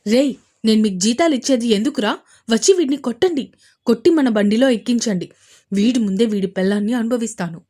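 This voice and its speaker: Woman voicing a crude shouting villain. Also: on the high side, a little fast, close to an everyday voice. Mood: menacing. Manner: loud, taunting shouts. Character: menacing young male villain, crude and boastful.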